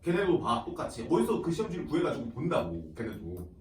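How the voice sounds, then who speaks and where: A man with a fairly high, very lively voice that rises and falls as he chats with his students and slips into playful impressions of the people he describes. He is recorded from some distance in a roomy classroom with a faint hum of ambience behind him. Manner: chatty, acts out students and teachers in quick quoted asides, laughs often. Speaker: high school math teacher. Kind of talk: casual classroom talk to students.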